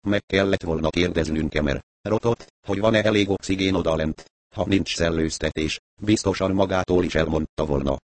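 A man voicing an uneasy grown man exploring a dark mine, in an audiobook. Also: low-pitched, fairly even intonation, close to an everyday voice. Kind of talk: audiobook character voice.

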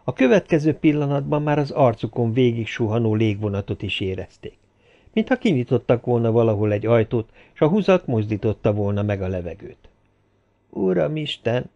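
A man reading an audiobook aloud in a steady, expressive storytelling manner. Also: mid-range voice. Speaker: audiobook narrator. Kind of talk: audiobook narration. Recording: slightly dull lo-fi audio.

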